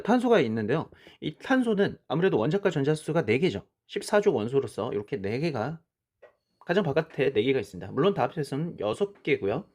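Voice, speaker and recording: Drawing on a worksheet as he goes, a man with a higher-leaning, darkish voice walks through a science lesson. He asks questions only to answer them himself, and "자" and "그쵸?" keep popping up as prompts, with many lines starting on "자".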